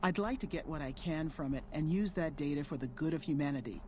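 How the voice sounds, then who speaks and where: A polite, measured male scientist from a video game, played by an actor. He speaks with a fairly high voice for a man. Faint background noise sits behind him. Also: a little mellow, natural voice. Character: calm male scientist from an aid group.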